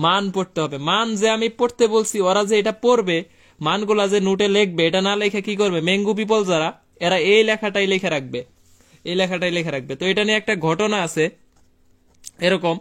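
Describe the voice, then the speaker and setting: A man's voice: high voice, a little fast, a bit bright. A young man tutoring physics in a live online class, chatty and colloquial, repeating key terms and asking students questions. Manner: repetitive, asks students questions and reads their answers.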